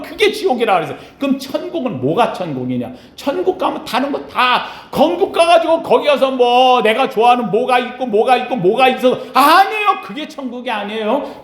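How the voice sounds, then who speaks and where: Animated high-voiced man preaching a sermon. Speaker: pastor. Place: church sanctuary. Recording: echoey church sanctuary.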